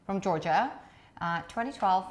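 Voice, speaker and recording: A woman's voice: medium pitch, expressive, a little slow. A woman hosting a casual cooking chat in a home kitchen, enthusiastic and full of eager questions. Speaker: host.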